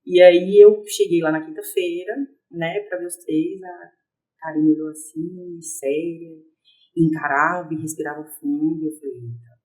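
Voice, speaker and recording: A young adult woman, a podcast guest, telling her personal story in a casual, lively interview. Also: sits low, measured pace.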